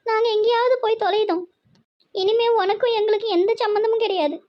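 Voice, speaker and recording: A woman voicing a distraught middle-aged village mother with a Tirunelveli Tamil accent, shrill and reproachful. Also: steady tone, quick pace. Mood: wailing reproach. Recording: muffled lo-fi.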